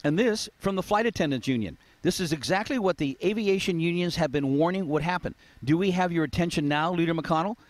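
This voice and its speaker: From an airport terminal and the curbside, an older American television correspondent with a handheld mic offers a live news report plus scripted narration. His voice is a little high and his delivery brisk.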